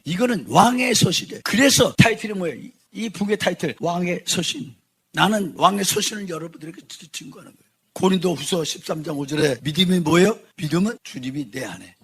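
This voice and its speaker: Male pastor, middle-aged, fervent sermon delivery, fast and husky, big swings in volume. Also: sits high. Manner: fervent, swings from quiet to shouting.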